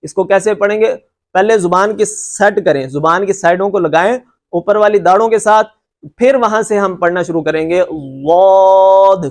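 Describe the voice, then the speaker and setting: A man teaching Quran recitation in a lecture, patiently repeating points and stretching out letter sounds to demonstrate them, with a reassuring tone. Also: sits high. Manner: reassuring and encouraging. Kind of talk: classroom lecture with slides.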